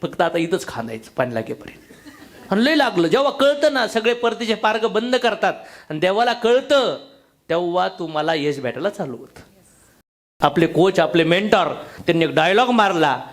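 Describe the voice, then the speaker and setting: High-voiced, blunt joking male speaker. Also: expressive, moderate pace. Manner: blunt, slangy and joking, with emphatic repetition; fires questions at the audience. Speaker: motivational business speaker. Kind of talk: seminar talk to a live audience.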